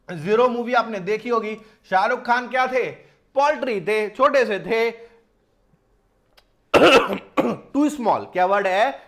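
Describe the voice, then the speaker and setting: A man's voice: very high voice, fairly bright tone. A man teaching an exam-prep vocabulary lesson in Hindi mixed with English, drilling each word by asking and answering himself again and again. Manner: drills words by repeated call and answer.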